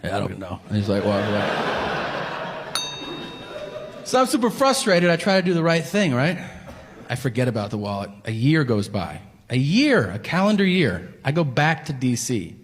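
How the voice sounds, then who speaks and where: Animated stand-up comic in a reverberant hall. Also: male voice, medium pitch, brisk. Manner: exasperated storytelling, acting out deadpan characters. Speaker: stand-up comedian. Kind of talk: stand-up routine. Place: comedy stage before a live audience. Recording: long hall reverb, faint ambient noise.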